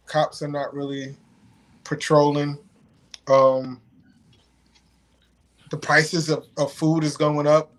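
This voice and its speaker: New man, pastor guest, a bit high, halting restarts, laughs easily. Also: poor audio. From Far Rockaway, Queens, New York. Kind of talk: casual live-stream chat.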